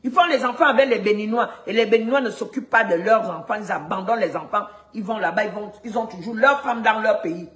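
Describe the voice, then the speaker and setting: A woman's voice: medium pitch, quick pace, few pauses, a bit bright. A woman from Gabon delivering a heated, indignant rant, repeating words when she gets stuck. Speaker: activist vlogger. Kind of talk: heated ranting monologue. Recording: echoey room.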